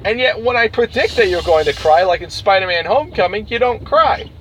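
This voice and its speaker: A man's voice: high voice, animated, a bit bright. A young man co-hosting a casual podcast, swearing a lot and teasing his co-host, with plenty of fillers and restarts. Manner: crude, teasing, swears often, halting with many fillers. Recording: dull lo-fi recording with clear background noise.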